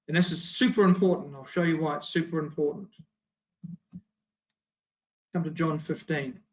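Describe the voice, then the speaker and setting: A man giving a Bible study talk, emphatic and fond of rhetorical questions. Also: fairly high pitch. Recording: dull lo-fi recording.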